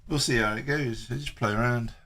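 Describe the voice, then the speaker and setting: A man chatting casually on a live stream, relaxed and hesitant with lots of ums. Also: medium pitch, a little fast.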